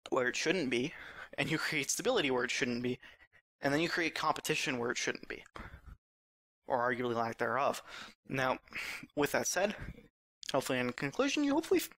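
A man's voice: medium pitch, bright, forceful tone, no echo. A young man ranting casually in a solo video, opinionated and sarcastic, a little out of breath, laughing at his own points. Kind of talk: casual rambling rant.

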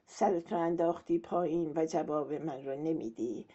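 A woman's voice: deep voice, fairly even intonation, highs cut off. A woman reading as a nagging older aunt. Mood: insistent. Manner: nagging, sharp-tongued. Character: older aunt, pushy and scolding.

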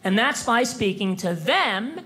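High-voiced man in his fifties doing stand-up. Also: unhurried. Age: 50s. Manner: animated, acts out voices of other people. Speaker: stand-up comedian. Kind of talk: stand-up comedy set. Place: theater stage before a live audience. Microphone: handheld mic.

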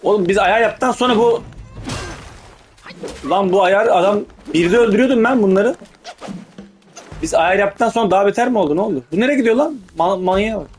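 A man doing casual gameplay commentary in street slang, swearing heavily and given to excitable, urgent outbursts. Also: high-pitched, a little fast, long pauses. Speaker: gaming video host.

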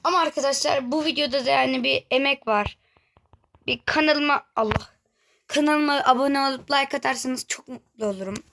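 Chatty high-voiced woman gaming. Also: brisk, gravelly, fairly bright tone, slight background noise. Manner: chatty, keeps addressing viewers directly. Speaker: gaming channel host. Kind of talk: casual gameplay commentary.

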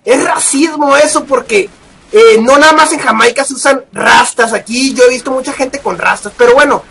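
A young man with a Mexican accent, giving loud, profane commentary over his gameplay and shouting at the game. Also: very high voice, normal speed, creaky, a little hiss or hum. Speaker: gaming video creator.

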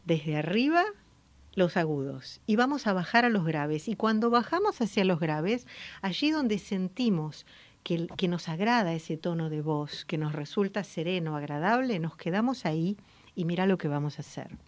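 A woman with a Rioplatense Spanish accent, hosting a radio voice lesson in a calm, slow, guiding way. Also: on the low side, no room sound. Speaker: voice coach and radio host. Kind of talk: gentle voice-coaching lesson. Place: radio studio.

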